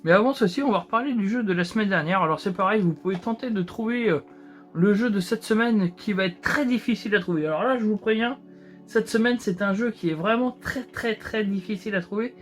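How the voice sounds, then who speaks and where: A man's voice: high-pitched, fairly quick, fairly bright tone, faint music behind. A man hosting his own show, chatting casually with many hesitations and restarts while he builds a model. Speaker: host.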